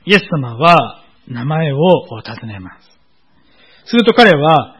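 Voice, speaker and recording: A man preaching a sermon in a measured, explanatory way, often pausing on filler words. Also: a little high, very animated, a bit bright, husky, rough recording. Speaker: pastor.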